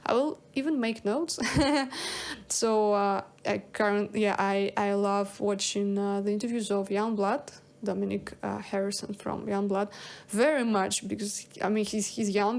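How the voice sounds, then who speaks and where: On her own show, a young Kazakhstani singer-songwriter gives a casual solo monologue in a medium-pitched, creaky, slightly mellow voice. She rambles and hesitates, restarting often and using lots of fillers.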